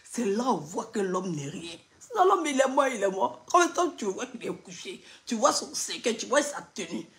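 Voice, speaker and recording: A woman's voice: on the high side, sing-song, normal speed, few pauses, a bit bright. A woman commenting casually on a live video, mocking and laughing often. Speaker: social media commentator.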